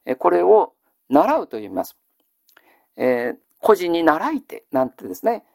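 A man teaching a classical Chinese reading lesson, patiently drilling listeners with questions and repeating the answers in a polite, measured way. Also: fairly high pitch, big pitch swings, vocal fry, a little mellow, no echo, clean studio sound. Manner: polite, measured lecturing with frequent fillers.

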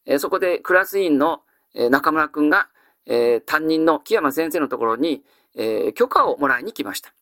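A man teaching classical Japanese vocabulary in an exam-prep lecture, explaining patiently and often pausing on drawn-out fillers. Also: a little high, expressive, fairly bright tone, dry recording, clean studio sound.

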